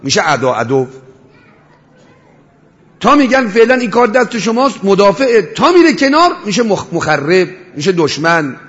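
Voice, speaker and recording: A man preaching a mourning sermon, rhetorical, swinging between loud cries and hushed storytelling. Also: high-pitched, big pitch swings. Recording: dull reverberant hall sound.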